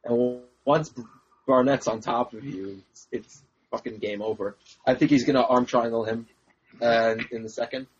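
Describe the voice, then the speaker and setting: Husky-voiced man, blunt and profane. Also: medium pitch, fairly even intonation, normal speed, highs cut off. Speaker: podcast panelist. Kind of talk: casual fight-prediction chat.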